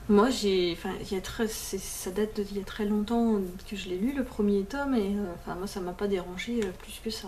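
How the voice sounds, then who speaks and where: Relaxed and rambling, a woman vlogs from home as a beauty vlogger, talking casually to camera with lots of fillers, restarts, and some English mixed in. Her pitch is ordinary and mid-range, over a faint background hiss.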